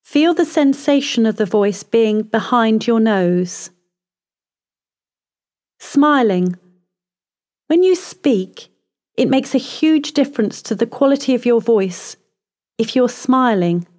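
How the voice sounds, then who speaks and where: A woman voice coach reads scripted instructions in a calm, measured way. Her voice sits a little high, and she takes her time over every step.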